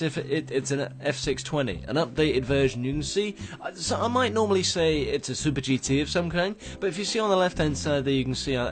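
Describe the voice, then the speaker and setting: Freshly awake, the gaming-show host sounds slightly croaky, his voice a little high. He gives rambling, casual commentary on game screenshots with many restarts.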